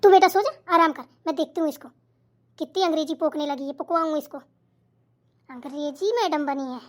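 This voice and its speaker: A bossy mother-in-law scolds and taunts with old sayings in a very high, thin voice, voiced by a woman. She is a sharp-tongued elder of a cartoon household. Her speech swings between fretting and stern lecturing. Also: a little fast, close to an everyday voice. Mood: grumbling. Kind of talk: cartoon voice acting.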